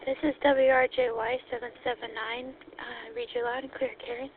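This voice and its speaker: A woman's voice: a little high, level tone, normal speed, breathy edge. A woman checking in to a radio net over a two-way walkie-talkie, talking in a friendly, polite and slightly hesitant way. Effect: heard over a two-way walkie-talkie radio. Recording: tinny narrow radio channel with faint hiss.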